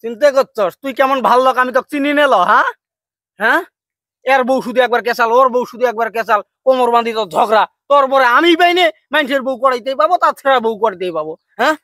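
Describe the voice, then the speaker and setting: A man's voice: extremely high pitch, fast talker, pushed and bright, dry recording, studio quality. Scolding rustic man. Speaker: comedy skit lead. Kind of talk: comedy skit acting.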